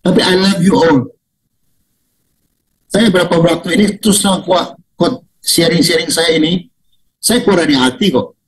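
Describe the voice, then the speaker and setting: Over a video call with poor audio, an older pastor delivers a sermon that swings between loud, mocking peaks and quiet, low asides.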